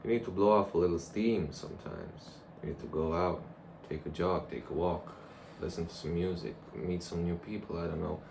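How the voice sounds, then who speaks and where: Talking to a camera at normal speed with few pauses, a young man uses his low-pitched voice for a loose, reflective monologue. The casual ramble comes from a vlogger, with clear background noise in the recording.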